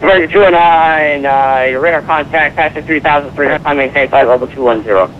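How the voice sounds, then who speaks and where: A man's voice: on the high side, quick pace. Man on dull air traffic control radio. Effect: radio transmission. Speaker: air traffic controller in an online flight simulation. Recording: dull lo-fi radio, light noise.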